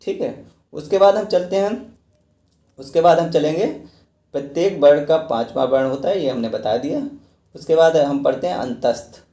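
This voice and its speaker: A man's voice: on the high side, normal speed, warm tone. A male teacher giving a lecture, explaining step by step, repeating points and asking and answering his own questions. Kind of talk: classroom lecture. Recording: echoey room.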